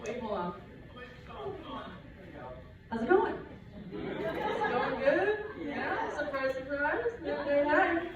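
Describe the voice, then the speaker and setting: A man's voice: very high voice, very animated, slow pace, long pauses, muffled recording. Young man, twenties, stand-up crowd work, giggly, rambling, echoey room, audience audible. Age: 20s. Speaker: stand-up comedian. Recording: roomy, distant mic in a club.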